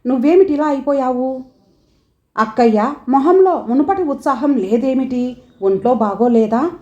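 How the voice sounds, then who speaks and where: A woman's voice: high voice, animated, moderate pace, a little mellow. A woman doing a worried younger brother. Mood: concerned. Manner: anxious, questioning. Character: concerned adult man, a caring younger brother. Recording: dull roomy home recording.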